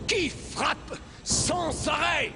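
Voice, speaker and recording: An actor in a cartoon dub playing an irritable, blustering villain who rants and gives orders. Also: male voice, very high voice, extremely slow, noisy background, exaggerated voice. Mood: exasperated, commanding. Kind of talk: animated series dub. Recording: loud music under the voice.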